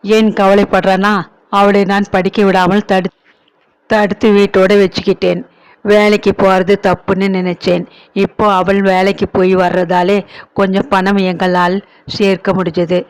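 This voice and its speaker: A man's voice: sits high, flat delivery, moderate pace, smooth. A man voicing an elderly ailing mother who pleads with her son, emotional and remorseful. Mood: pleading.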